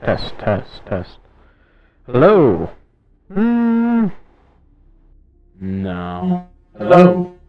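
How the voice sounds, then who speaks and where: A man's voice: gravelly, clear, resonant tone, lo-fi sound. A man testing a voice changer that morphs his voice, repeating short test words in casual chat. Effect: voice changer shifting his pitch up and down.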